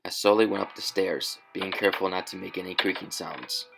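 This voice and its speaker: Deep gravelly male horror narrator. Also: fairly even intonation, music in the background, poor audio. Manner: measured, tense first-person storytelling. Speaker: storyteller.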